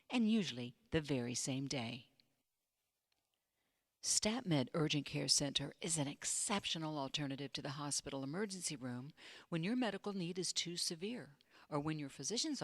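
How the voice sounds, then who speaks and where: A woman narrating a scripted promotional infomercial in a polished, measured sales-pitch manner. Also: no room sound. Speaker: commercial voice-over announcer. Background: music bed.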